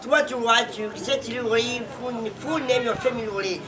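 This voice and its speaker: A man's voice: extremely high pitch, a little slow. Brief: comic man, broken English and French, recorded far off with a crowd behind. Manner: switches between broken English and French, laughs a lot. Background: crowd noise.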